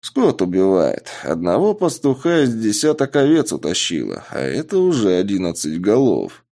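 A man's voice: lowish voice, wildly swooping pitch, moderate pace, dark tone, full character voice. A man voicing a sardonic vampire. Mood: dry. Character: eccentric sardonic male vampire.

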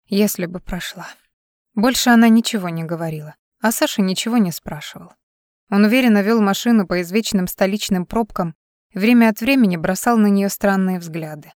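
A woman reading a novel aloud in a steady storytelling manner. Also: mid-range voice, a little fast, no room sound, studio quality. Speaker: audiobook narrator. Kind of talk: scripted narration.

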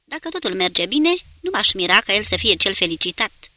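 A woman reading the lines of a calm, dry male naval commodore in an audiobook. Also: medium pitch, no room sound.

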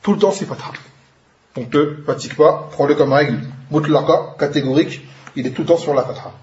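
A man teaching a grammar class in a fairly high voice, patiently breaking down each rule and switching between two languages as he goes. The sound is echoey and a bit dull, like a lo-fi recording in a bare room. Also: brisk, darkish tone. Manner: explains patiently, switching between French and Arabic terms. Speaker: Arabic teacher.

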